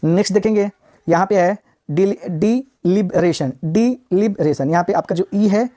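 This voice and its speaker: In a recorded vocabulary lesson, a woman repeats every word and asks her students rhetorical questions as she slowly spells and sounds them out. Her voice is mid-range and dark in tone, with fairly even intonation.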